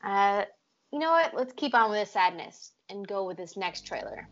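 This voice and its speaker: A woman's voice: medium pitch, animated, moderate pace, fairly bright tone, muffled recording. A woman hosting a casual trailer-reaction chat, wry and calling herself a pessimist. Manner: wry, self-described pessimist. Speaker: host.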